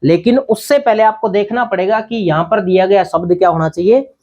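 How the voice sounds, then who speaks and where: A man's voice: high voice, a little fast, darkish tone, dull audio. Guy teaching grammar class, asks his own questions then answers em, keeps checking "thik hai na". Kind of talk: grammar lesson.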